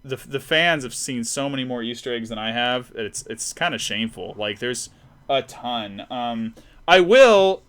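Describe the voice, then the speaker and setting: Guy rambling on a live stream while drawing, lively pitch, bright tone, trips over his words a lot. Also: measured pace, clear, resonant tone. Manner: rambling, laughing, many restarts. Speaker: YouTube host.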